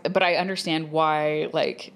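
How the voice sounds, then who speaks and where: A young woman co-hosting a podcast, telling a story in casual chat, animated and laughing often. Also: low voice, measured pace. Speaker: podcast co-host. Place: Dallas.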